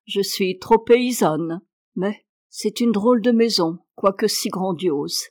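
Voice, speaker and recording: A cheerful, plain-spoken young housemaid from a storybook talks in a frank, homely way, as a woman reader voices her. The voice stays close to the reader's own, middle pitch, unhurried and kindly. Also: darkish tone, no echo, close to an everyday voice. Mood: matter-of-fact. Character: plain-spoken good-natured young country maid.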